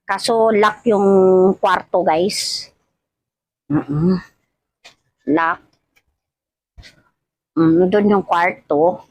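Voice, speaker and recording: A Filipino woman with missing front teeth chatting casually to her vlog viewers, halting and often repeating her words. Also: lowish voice, no echo, rough recording. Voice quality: speech of someone with missing front teeth, wearing old dentures. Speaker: vlogger. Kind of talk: casual rambling vlog chat addressed to viewers.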